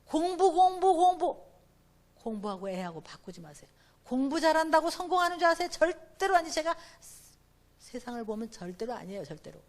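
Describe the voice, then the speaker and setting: A middle-aged woman giving a parenting seminar talk at church. She swings between hushed asides and loud, emphatic exclamations, acts out dialogue and has the audience repeat phrases after her. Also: on the high side, very animated, a little fast. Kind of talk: church family seminar talk with personal stories.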